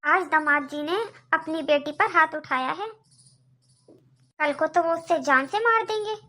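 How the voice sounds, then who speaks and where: A protective middle-aged mother frets over her daughter in this cartoon, as a woman voices her. The voice is high and bright. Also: a little slow. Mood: worried. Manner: worried, fussing. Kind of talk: cartoon voice acting.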